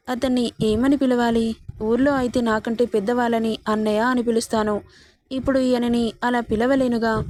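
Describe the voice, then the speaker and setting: A woman narrating a romance story in an expressive, descriptive way. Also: a little high.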